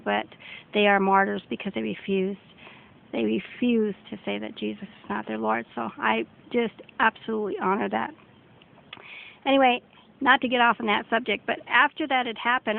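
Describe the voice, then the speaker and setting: A middle-aged woman recounts her faith testimony earnestly, circling back and restarting as she goes. Her fairly high voice has a gravelly edge, and the sound is thin and phone-like. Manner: earnest and rambling, with many restarts. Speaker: person giving a testimony.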